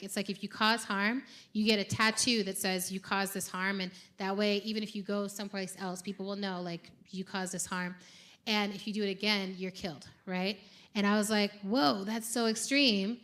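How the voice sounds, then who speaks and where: A woman co-hosting a live conversation on stage, animated, laughing often and quoting her own thoughts. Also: mid-range voice. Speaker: podcast co-host. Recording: uneven live-show sound.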